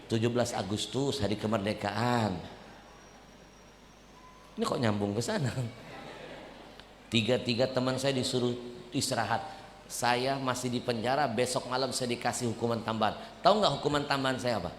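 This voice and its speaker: A man's voice: medium pitch, normal speed, pauses often, a little hiss or hum. Man preaching in an echoey hall. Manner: animated, comic storytelling. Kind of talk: storytelling sermon. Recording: echoey hall, faint ambience.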